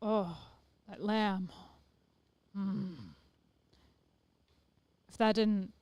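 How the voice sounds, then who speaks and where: A woman's voice: mid-range voice, fairly even intonation, very slow, a little mellow, clean tone, no room sound. A woman streaming a game and chatting casually, playfully teasing her co-player. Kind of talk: casual gaming chat.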